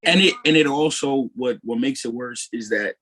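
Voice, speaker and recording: A man's voice: mid-range voice, moderate pace, a bit bright. A young man co-hosting a podcast, talking earnestly with frequent restarts and checks for agreement. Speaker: podcast co-host. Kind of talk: casual podcast chat.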